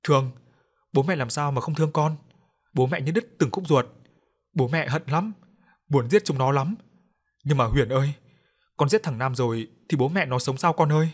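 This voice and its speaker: Man reading grieving middle-aged mother, tearful, begging, husky voice, horror audiobook. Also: mid-range voice, normal speed, long pauses, lightly acted. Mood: pleading.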